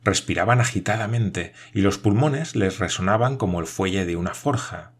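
A man narrating an audiobook in a measured storytelling manner. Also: on the low side, breathy edge.

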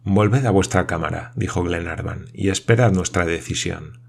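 A man voicing a commanding male nobleman in an audiobook, measured and authoritative. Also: low voice, creaky, breathy edge, full character voice. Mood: stern.

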